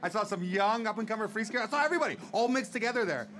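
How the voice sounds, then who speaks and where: An excitable man in his forties, talking casually as a guest at an outdoor ski event and working up the crowd. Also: sits high, racing. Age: 40s. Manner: hyped up, excitable. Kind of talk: casual live event chat.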